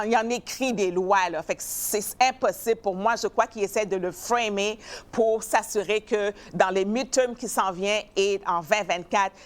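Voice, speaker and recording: A woman, hosting an opinionated news commentary show, animated and emphatic, often stumbling and repeating words. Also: mid-range voice. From not from Canada. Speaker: show host.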